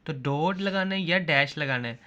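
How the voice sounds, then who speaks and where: Man, shorthand teacher, bright clear voice, drills students by asking and answering himself. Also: a little high, moderate pace, lo-fi sound. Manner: repeats questions and answers them himself. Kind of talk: classroom lesson.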